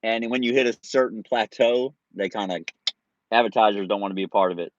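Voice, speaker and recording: A man's voice: lowish voice, steady tone, a little fast, no room sound, muffled recording. A man in his forties casually telling a story to his viewers, laid-back, laughing and swearing freely. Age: 40s. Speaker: streamer.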